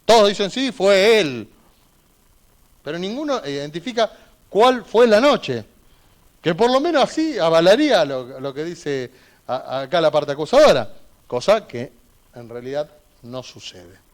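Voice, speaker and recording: Emphatic defense lawyer, higher voice. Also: male voice, big pitch swings, moderate pace. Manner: emphatic, argumentative, repeats points for emphasis. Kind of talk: courtroom closing argument.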